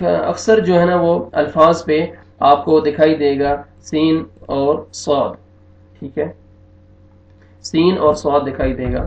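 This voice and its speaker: A male Quran teacher explains reading rules with patient repetition, pausing often to check that his students follow. His voice sits a little high and carries a gravelly rasp. The recording rings in an echoey room and sounds dull and lo-fi. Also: a little mellow. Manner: patient, repeats each rule with frequent check-ins. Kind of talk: recorded online lesson.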